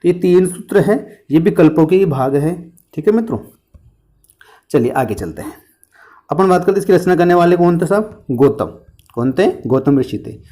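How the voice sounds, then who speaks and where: Brief: male exam coach with a lilt, mellow tone, answers his own questions with mnemonics. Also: on the high side, animated, normal speed. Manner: explains with questions and answers to himself; uses memory tricks and jokes. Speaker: teacher. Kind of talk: exam-prep history lesson.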